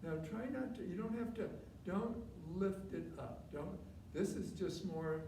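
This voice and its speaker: Male tai chi instructor, informal and encouraging, short spaced cues, recorded off-mic with clear background noise. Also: high-pitched, unhurried, echoey room, far from the mic. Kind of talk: live movement instruction, step-by-step cues.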